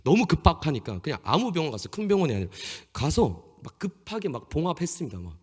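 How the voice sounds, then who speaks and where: A man in his thirties preaches a sermon to young people in a church sanctuary, poking fun at himself as he shares a funny personal story. His voice is a bit high, sing-song and quick, a little mellow and slightly rough. The recording has a long church-hall reverb.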